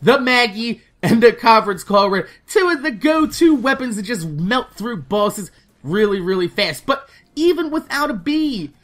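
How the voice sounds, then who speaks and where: A woman with a slightly high voice hosts a gaming video at normal speed, delivering casual, animated news commentary full of informal talk and plenty of swearing.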